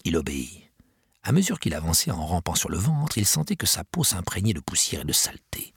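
A man reading a children's storybook aloud with expressive, lively storytelling. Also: deep voice, fairly quick, vocal fry, slightly rough, dry recording, clean studio sound. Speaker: narrator.

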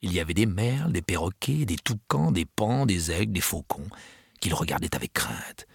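A man reading a children's storybook aloud with expressive, lively storytelling. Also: low-pitched, normal speed, vocal fry, breathy edge, no echo. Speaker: narrator.

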